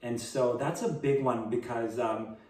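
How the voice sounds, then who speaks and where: A man's voice: mid-range voice, steady tone, measured pace, a little mellow, far from the mic. A man speaking as a guest in a casual interview chat, earnest and speeding up when he drives a point home. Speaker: podcast guest, youth ministry director. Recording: echoey room, voice from off-mic.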